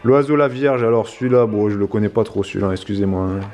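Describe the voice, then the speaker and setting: A man's voice: lowish voice, fast talker, darkish tone, muffled recording, faint music behind. A man from La Réunion with a Réunion Creole accent, rambling casually through an unboxing for his vlog, full of little fillers. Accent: Réunion Creole French. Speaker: vlog host.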